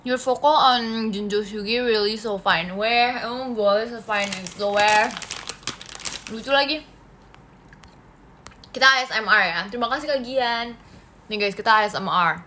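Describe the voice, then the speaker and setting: A woman's voice: a little high, unhurried, long pauses, sharp tone, a little hiss or hum. A young woman from Indonesia hosting a casual phone livestream, chatting with viewers, answering comments and laughing often. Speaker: idol livestream host.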